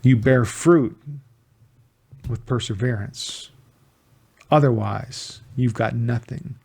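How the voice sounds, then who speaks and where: An American man gives an informal Bible teaching in an even, medium-pitched voice that is creaky and slightly rough, moving at a slow pace. He is earnest, stresses key words by repeating them, and frequently restarts phrases.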